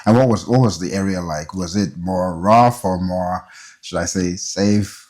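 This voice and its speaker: A man's voice: deep voice, a little slow, a little mellow. A man hosting an interview podcast. He talks in an earnest, encouraging way and answers often with a short "okay". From Nigeria. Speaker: host.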